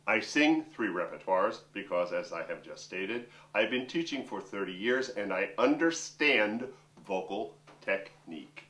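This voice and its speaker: In a roomy, distantly miked recording, a middle-aged man who coaches voice and sings opera delivers a joking, conversational lesson to camera beside a piano. His fairly low voice is animated and a bit bright, at a measured pace.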